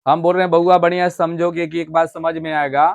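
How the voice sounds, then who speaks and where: High-voiced man teaching a grammar class. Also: level tone, brisk, creaky. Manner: explains step by step, often asks students if they understood; switches between loud stressed points and quiet asides to the class. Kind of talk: classroom English grammar lesson. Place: classroom with students.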